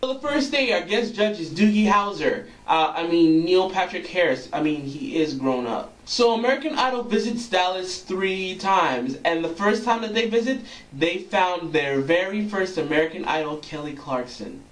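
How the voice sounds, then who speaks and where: A young man with a fairly high voice chats casually and cracks jokes as he gives his opinions. The sound bounces around an echoey room, and the mic sits some distance from him. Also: lively intonation, normal speed, hardly any pauses, fairly bright tone. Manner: joking and opinionated. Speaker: vlog host commenting on singing auditions. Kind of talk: casual chatty commentary.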